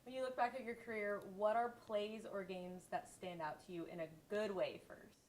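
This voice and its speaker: A woman's voice: medium pitch, fairly even intonation, normal speed, a little mellow, slight background noise. A woman interviewing a guest, asking short questions and giving encouraging interjections.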